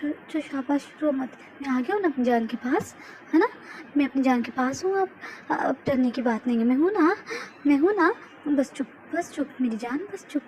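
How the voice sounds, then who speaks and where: A woman's voice: sits high, expressive, normal speed, a little mellow, a little hiss or hum. A woman voicing a hot-tempered young male mafia boss in a fan audio drama, talking emotionally with repeated stammers. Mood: frantic pleading.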